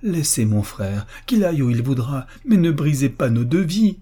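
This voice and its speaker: A man's voice: medium pitch, very animated, moderate pace, mellow, slightly rough, voice pushed up. A man reading an audiobook, voicing a young woman who pleads passionately with her lover. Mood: pleading. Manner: impassioned, pleading.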